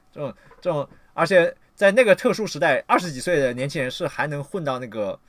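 A man lectures his livestream audience in a scolding, emphatic way, swearing freely. He swings from loud outbursts down to low muttering in a slightly high voice. The sound is close and dry. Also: lively intonation, normal speed, dry recording. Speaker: livestream lecturer on political theory.

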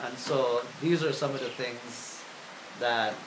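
Guyanese man chatting on an open veranda. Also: mid-range voice. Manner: measured, with frequent "um" fillers. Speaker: aid organization worker. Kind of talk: casual interview. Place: covered veranda outdoors, overlooking a field. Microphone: camera at close range. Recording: roomy echo, faint background hiss.

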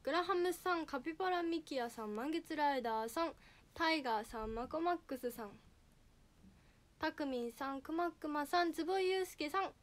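A woman's voice: high voice, moderate pace. A teenage girl idol with a slightly nasal voice, chatting casually on a livestream and reading out viewer names. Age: teens. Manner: reads out viewer names, bright greetings.

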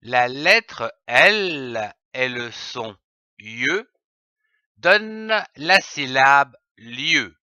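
Very slow man spelling out syllables. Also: fairly high pitch, pushed and bright, clean tone, no echo. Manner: spells words letter by letter, very deliberate. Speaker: reading teacher. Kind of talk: phonics lesson for young children. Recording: dry, dull lo-fi recording.

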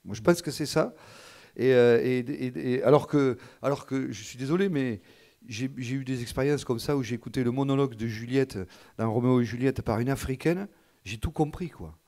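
A man's voice: medium pitch, a little mellow. A man who is the guest in a live stage conversation, answering in a hesitant way with many false starts. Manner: hesitant, halting, lots of fillers and false starts. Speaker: guest musician. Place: auditorium.

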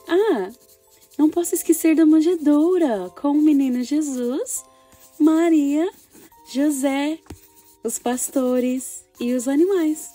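A woman voicing an excited, sentimental little girl who confides in her diary, in a children's story. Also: high voice, pitched above the performer's own voice. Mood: delighted. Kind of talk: first-person children's story reading.

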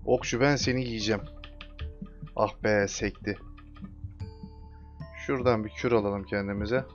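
A man giving casual gameplay commentary, taunting his enemies and calling them over excitedly. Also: medium pitch. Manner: trash-talks enemies, excitable, calls them over with repeated shouts. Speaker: gamer streaming his play. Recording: dull lo-fi mic with music behind.

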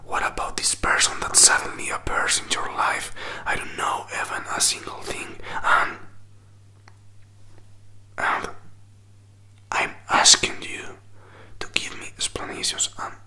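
Man acting a whispering jealous boyfriend, slow whispered role-play. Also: lightly acted. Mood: jealous, insistent. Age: 20s. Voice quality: breathy whisper. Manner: halting, repetitive, non-native English phrasing. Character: jealous, hurt young boyfriend pleading for explanations. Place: small indoor room. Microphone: close desk microphone with furry windscreen.

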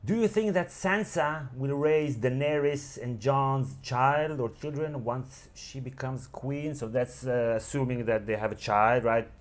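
A man with an Israeli accent hosting a casual Q&A, reading out viewer questions with quick, chatty asides. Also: medium pitch. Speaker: host. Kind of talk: casual Q&A chat.

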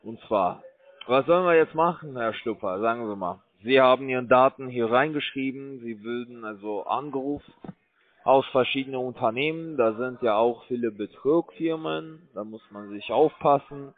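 A man cold-calls at normal speed as a scam call center agent, pressing a sales pitch with broken grammar and hesitant fillers. The call sounds tinny over the phone line.

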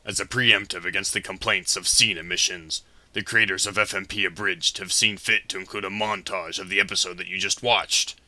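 Man acting out a deep, forceful, flippant cartoon villain. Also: fairly even intonation, fairly quick, no echo. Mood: flippant, stalling. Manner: casual, stalling, mock-menacing. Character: flippant, self-aware male villain, chatty and theatrical. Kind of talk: comedic anime parody dub.

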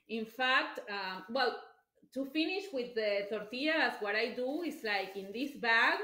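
A cooking instructor gives a live demonstration in a home kitchen, talking slowly in a medium-pitched, slightly bright voice. She's chatty and explanatory with many fillers. The room is echoey, and a device camera across the counter picks her up.

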